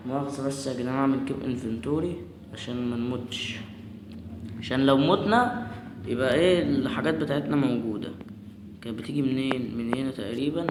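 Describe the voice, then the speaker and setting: A man with an Egyptian Arabic accent giving excitable live commentary over his own gameplay, repeating his words and shouting orders at the screen. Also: mid-range voice, fast talker, long pauses. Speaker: gamer. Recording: echoey room with clear background noise.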